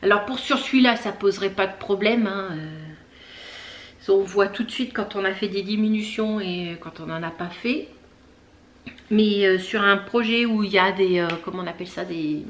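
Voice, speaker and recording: Slow, hesitant woman chatting. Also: mid-range voice, fairly bright tone. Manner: hesitant, many fillers, searches for words and things aloud; chatty, talks straight to viewers. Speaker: knitting podcast host. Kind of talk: casual show-and-tell chat.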